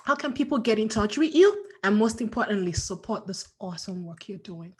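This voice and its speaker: A woman hosting a casual interview, her voice husky and thick with tears. She speaks effusively and gushes with praise for her guest. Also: medium pitch, lively intonation, brisk. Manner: warm, effusive, tearful. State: crying. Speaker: podcast host.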